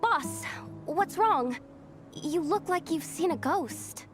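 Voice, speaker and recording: High-pitched eager young employee. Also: female voice, expressive, slow pace, exaggerated voice. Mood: concerned. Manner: earnest, chatty, eager to please. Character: eager, loyal young employee, anxious to be useful. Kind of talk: video game voice acting. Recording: music behind the voice.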